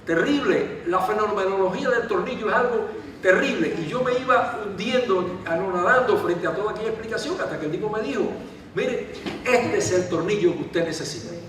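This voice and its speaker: A Cuban author at a literary gathering tells a self-deprecating anecdote and answers questions, his high-pitched voice animated and brisk. He is recorded from far off in an echoey large event hall, with crowd noise and faint background noise.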